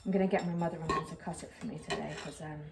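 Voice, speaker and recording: Her voice is deep and steady in tone but racing as this young plant vlogger from England rambles to the camera, filler-heavy and self-conscious. She repots a plant on a slightly windy patio by a brick wall, with clear outdoor noise behind.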